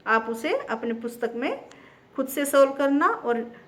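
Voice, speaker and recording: A woman teacher talks through a grammar lesson in a high voice. She goes slowly and spells each example word out sound by sound, patient and methodical. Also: animated. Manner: slow, spelling words out sound by sound. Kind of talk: recorded Hindi grammar lesson.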